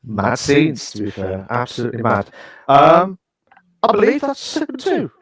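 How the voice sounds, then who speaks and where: A British man co-hosting a podcast, chatting casually with many fillers, restarts and hesitant pauses. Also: mid-range voice, wildly swooping pitch, slightly rough. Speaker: podcast co-host. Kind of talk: casual chat.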